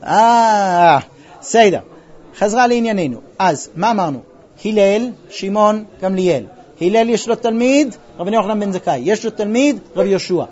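A man's voice: sits high, animated, darkish tone, muffled recording. A man teaching a Talmud class, retelling stories with quoted dialogue and quizzing his students. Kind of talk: classroom lesson with storytelling.

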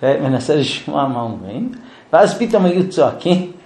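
Animated man teaching about marriage. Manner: acts out quarrels in a high whiny wife voice. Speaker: lecturer on marriage. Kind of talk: humorous relationship lesson. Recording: echoey room.

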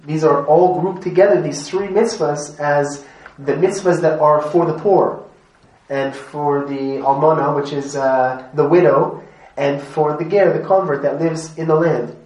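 His voice is fairly high, steady, measured, and slightly mellow as this man from Montreal, Canada runs a chatty, informal class, quizzing students and laughing frequently. A far-off mic picks up room echo and faint noise.

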